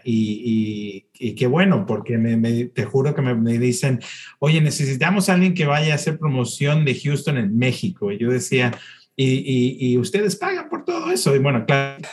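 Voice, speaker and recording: A middle-aged man from Chile, a podcast guest telling his story in a chatty way, often restarting and repeating words. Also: medium pitch. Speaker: podcast guest, city tourism promoter. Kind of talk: casual interview.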